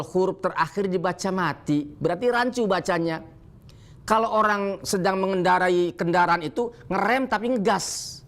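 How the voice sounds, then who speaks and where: Indonesian male Quran teacher, somewhat high voice, emphatic televised lesson delivery. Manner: alternates explanation with slow chanted Arabic recitation examples; emphatic, animated when correcting mistakes.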